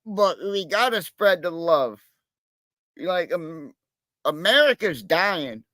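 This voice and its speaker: A man's voice: high voice, animated, slow, bright, forceful tone, dry recording. A man from Massachusetts talking in a rambling, profane casual livestream chat, full of fillers. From Massachusetts, USA. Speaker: livestream guest, cop watcher.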